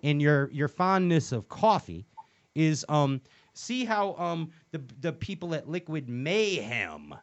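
A man's voice: a little high, big pitch swings, slow. A man hosting a casual fishing chat, joking and rambling with lots of fillers and restarts. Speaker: host. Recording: dull lo-fi sound.

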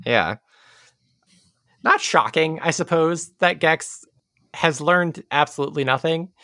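A man's voice: on the high side, slow pace, pushed and bright, no echo, clean studio sound. A man chatting casually as a podcast co-host about a video game, with a wry, jokey, ironic way of riffing.

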